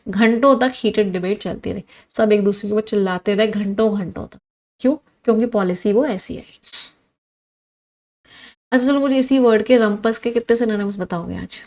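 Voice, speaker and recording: A woman's voice: medium pitch, moderate pace. A woman with an Indian accent teaching English vocabulary in a live online class, listing synonyms and reading out student comments. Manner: animated, reads comments and drills synonyms with students.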